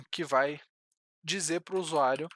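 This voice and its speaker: A man's voice: fairly high pitch, takes it slowly, sharp tone. A young man from Brazil teaching programming over a screen recording, hesitant with many fillers and restarts. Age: young adult. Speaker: programming tutor. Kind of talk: screen-recorded coding tutorial.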